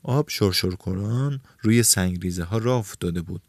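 A man's voice: no room sound, clean studio sound. A man narrating a novel, raising his voice to act out the dialogue. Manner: reads dialogue with raised pitch and shouts for characters. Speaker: audiobook narrator.

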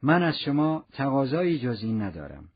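A man voicing a weary fugitive who pleads in a low, earnest voice. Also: very animated, husky. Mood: pleading. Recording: muffled lo-fi recording.

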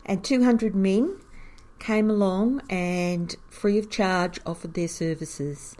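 A woman's voice: mid-range voice, takes it slowly. A woman, caretaker of a historic cottage, telling its story with enthusiasm and frequent chuckles. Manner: animated storyteller, chuckles often. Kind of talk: storytelling in an interview.

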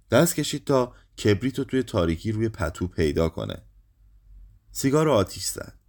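A man reading a short story aloud, lively, raising his voice for the quoted lines. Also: fairly low pitch. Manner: lively, acts out quoted speech with raised voice.

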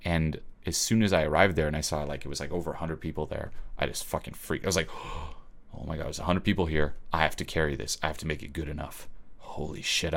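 Very deep-voiced blunt motivational man. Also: a bit bright. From Switzerland. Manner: emphatic and blunt, swears, keeps checking in with "okay?". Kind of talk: motivational webinar talk.

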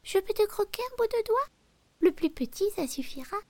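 A woman voicing a tiny hungry mouse in a storybook reading, with a high, squeaky, wheedling voice. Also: very animated, moderate pace. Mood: pleading.

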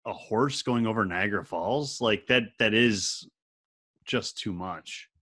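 A man's voice: on the low side, unhurried, husky. A man co-hosting a podcast, telling rambling stories in casual chat. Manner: rambling, animated storytelling. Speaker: podcast co-host.

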